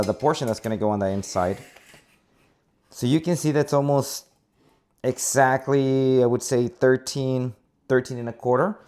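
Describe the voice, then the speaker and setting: A man with a mid-range, darkish voice presents a product demonstration as an installer, speaking casually and without a script. He stumbles, pauses and corrects himself through repeated words, and the recording is noisy, with clicks and the clatter of handling.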